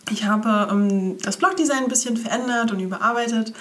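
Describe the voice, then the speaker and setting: A young woman hosts a casual solo podcast, sounding stuffy from a cold yet cheerful and chatty as she addresses the listener directly. Her voice is a little high and fairly quick.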